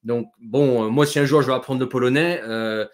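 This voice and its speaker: A man in an easygoing chat on a video call, with a middle-pitched voice. He talks in an animated, chatty way, full of fillers and quick asides. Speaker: host. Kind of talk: casual chat.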